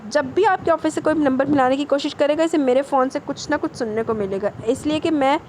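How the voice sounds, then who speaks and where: A woman's voice: high-pitched, a little mellow, slight background noise, close to an everyday voice, poor audio. A woman reading a brash, mocking gangster man. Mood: taunting. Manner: mocking, boastful, playful threats.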